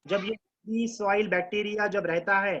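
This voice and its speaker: A man teaching biology to exam students, mixing Hindi with Indian English, explaining slowly, repeating key terms and quizzing his class. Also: high voice, fairly even intonation, a bit bright, highs cut off. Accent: Indian English mixed with Hindi. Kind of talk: live online class lecture.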